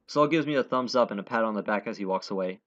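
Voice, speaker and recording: This let's player, a man with a lowish, somewhat bright voice, reads a visual novel's lines and narration fast, stumbling and self-correcting as he goes. Game music sits behind the dull-sounding audio.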